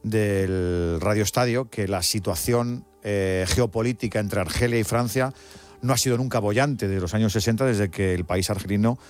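Low-voiced man co-hosting sports radio. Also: normal speed. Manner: explanatory, addressing listeners. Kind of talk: radio interview.

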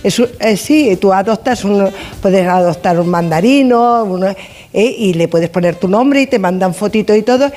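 A woman's voice: medium pitch, lively intonation, moderate pace, dark tone. A woman from the studio audience chats on a radio show, talking hesitantly with many fillers. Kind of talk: casual chat on a radio show.

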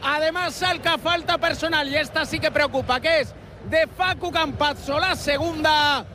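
A male basketball commentator calls the play live. His voice is extremely high and piercingly bright, shouted with excitement. Faint noise sits behind him. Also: moderate pace, a faint crowd.

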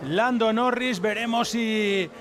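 A man's voice: high-pitched, slow, a bit bright, a little hiss or hum. A man with a Castilian Spanish accent commentating live on a motor race as lead commentator, following the action and putting questions to his colleagues.

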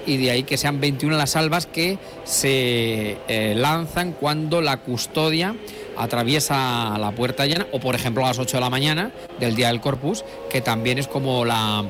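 A middle-aged broadcast commentator from La Mancha, Spain, gives rambling live commentary on an outdoor street procession, full of fillers and restarts. His voice is medium-pitched at a normal speed. Music and crowd noise fill the background of the live street broadcast.

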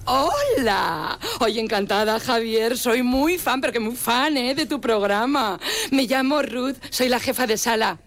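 An actress playing an aggrieved, gushing, self-pitying head waitress in an audio drama. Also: female voice, on the high side, animated, unhurried. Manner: melodramatic.

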